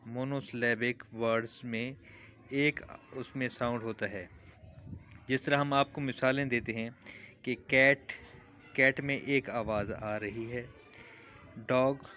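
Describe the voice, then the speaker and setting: Male teacher, mid pitch, patient classroom delivery, faint noise. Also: steady tone, pushed and bright. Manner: patient, repeats examples slowly. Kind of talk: classroom lesson explanation.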